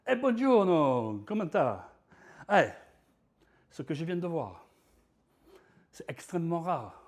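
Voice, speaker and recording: A man voicing an excitable male radiologist with a strong Italian accent, exclamatory and sing-song. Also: a little high, slow pace, pitched above the performer's own voice, heavily acted. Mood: excité.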